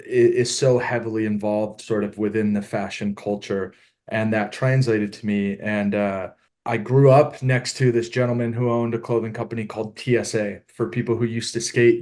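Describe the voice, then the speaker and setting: A man's voice: lowish voice, a little mellow. Earnest middle-aged man telling his story. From Southern California. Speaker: podcast guest, apparel founder. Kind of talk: casual interview storytelling. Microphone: video call.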